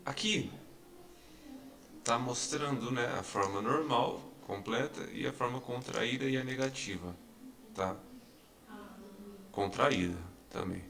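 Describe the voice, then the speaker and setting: A man's voice: mid-range voice, slow pace, vocal fry, long pauses, noisy background. A man teaching English grammar in an online lesson. He explains patiently and repeats each example, checking in with his students again and again.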